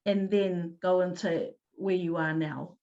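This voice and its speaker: A woman presenting an online teaching talk, explaining in an upbeat way with quick restarts. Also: on the low side, fairly even intonation, darkish tone, dull audio.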